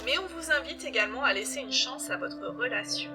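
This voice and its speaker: A woman giving a casual tarot reading, unhurried and hesitant, with frequent fillers. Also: sits high, lively intonation, music in the background. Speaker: tarot reader.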